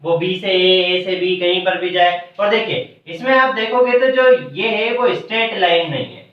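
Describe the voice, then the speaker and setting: A male teacher with a high voice walks through a lesson step by step, asking questions and answering them himself. He sounds far from the mic in a very echoey room. The sound is dull and lo-fi. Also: moderate pace. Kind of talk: classroom math lesson.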